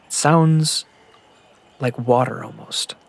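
A man narrates as game master of a tabletop game, speaking in the second person. His voice sits in a middle pitch, and he builds suspense by repeating words and phrases. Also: slow, vocal fry. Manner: descriptive, builds suspense with repetition.

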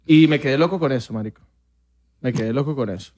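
A young man with a Venezuelan accent, chatting as a podcast co-host and telling animated stories with frequent laughs. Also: mid-range voice, fast talker. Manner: animated storyteller, laughs often. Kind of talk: casual chat.

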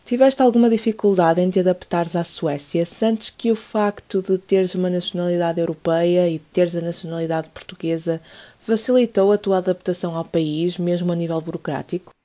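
A woman interviewer poses her questions plainly and steadily. Her voice is fairly low and mellow, without brightness. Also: steady tone, moderate pace.

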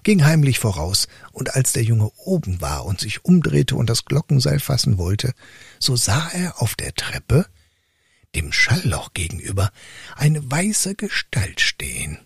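A man reading a fairy tale aloud with lively, expressive narration for an online listening room. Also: mid-range voice, unhurried, vocal fry, breathy edge, no room sound, clean studio sound. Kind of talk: storybook reading.

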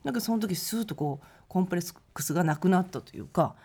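A woman painter telling stories as a guest in a casual interview, lively and laughing, acting out other people's lines. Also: lowish voice, fast talker, gravelly, slightly rough. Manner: lively, acts out quotes in other voices, laughs often.

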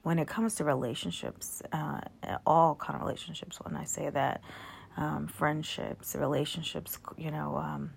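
A woman hosting her own podcast straight from bed, talking softly and haltingly in her groggy morning voice, with many fillers and restarts. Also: low-pitched, flat delivery, vocal fry, a little hiss or hum. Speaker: podcast host. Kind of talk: casual solo podcast talk. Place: bedroom, in bed. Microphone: phone app.

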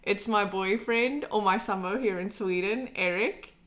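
A young woman from South Africa hosts a relaxed podcast chat. She talks in a chatty, upbeat way at a mid pitch and keeps drawing her guest in with questions. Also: unhurried. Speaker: podcast host.

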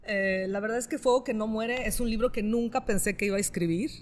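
A woman from northern Italy with an Italian accent, an author chatting lively and at length as guest in a live podcast interview. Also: a little high, fast, slight background noise. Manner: lively, talkative, laughs often. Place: store event space with live audience.

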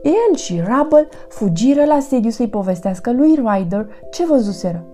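Lady reading a kids' storybook on her channel, sing-song and expressive, mellow voice, faint music behind. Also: on the high side.

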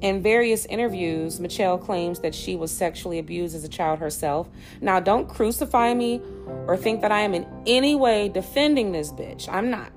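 An American woman from Detroit hosts a true crime podcast, her mid-range voice expressive and moderately paced over background music. She narrates in a grave storytelling style, dropping in blunt personal asides.

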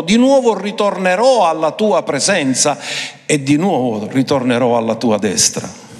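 A man preaching a sermon emphatically, switching between quick phrases and slow, drawn-out ones. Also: on the high side. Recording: long hall reverb.

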